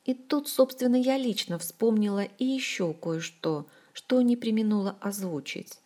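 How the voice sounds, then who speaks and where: A woman narrating a first-person audiobook in a wry, expressive storytelling manner. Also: fairly high pitch, moderate pace.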